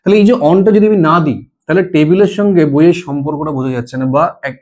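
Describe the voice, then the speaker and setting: A man's voice: on the high side, fast talker, a little mellow. A man teaching a grammar lesson for an exam-prep class, explaining step by step and often checking with his students if they follow. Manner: explains step by step, asks "ঠিক আছে?" often.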